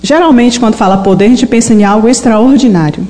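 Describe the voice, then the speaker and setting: A woman's voice: a little high, fast talker, mellow, big-room sound. A woman preaching a sermon, emphatic and full of stories, acting out her prayers. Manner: emphatic, storytelling with acted prayers.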